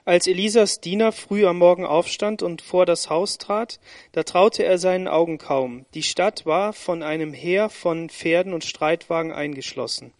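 A man reading a scripture passage aloud in a steady storytelling manner. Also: high voice, normal speed, no echo, clean studio sound. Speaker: scripture reader.

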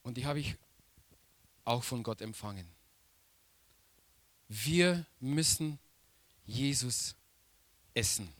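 A man preaching a sermon slowly and emphatically, repeating key phrases for weight. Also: mid-range voice, expressive, fairly bright tone, no room sound.

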